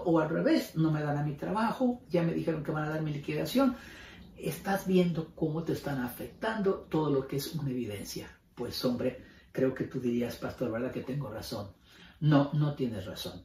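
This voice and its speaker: A man's voice: fairly high pitch, gravelly, darkish tone, a little hiss or hum. A man, a pastor, preaching a sermon with rhetorical questions and voices of imagined listeners. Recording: roomy sound from a distance off the mic.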